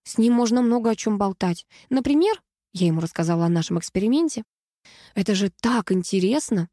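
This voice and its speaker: A woman reading aloud, voicing a bubbly, chatty teenage girl in a higher, lively voice. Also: a little fast, no echo, studio quality, lightly acted.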